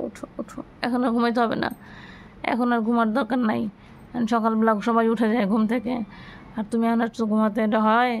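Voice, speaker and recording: A woman talking to her pets at home, half scolding and half coaxing in a playful singsong. Her voice sits fairly high, with a gravelly edge. A faint hiss of background noise runs under the recording. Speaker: pet owner vlogger. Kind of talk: casual talk to her cats. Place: home, bedroom.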